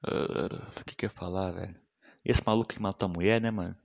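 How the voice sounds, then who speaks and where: Slangy, rambling young man, low-pitched. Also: steady tone, fairly quick, gravelly, highs cut off. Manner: slangy, profane, rambling, often trails off quietly. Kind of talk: casual rambling monologue.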